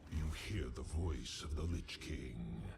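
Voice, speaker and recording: An actor playing a sinister, taunting demon dark lord in a video game, with a gravelly, theatrical, menacing delivery. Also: male voice, rumbling low, slow, heavy background noise, heavily acted.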